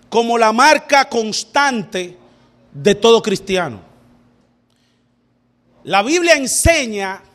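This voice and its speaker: A man preaching a sermon, asking rhetorical questions and building up to shouted, fervent passages. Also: very high-pitched.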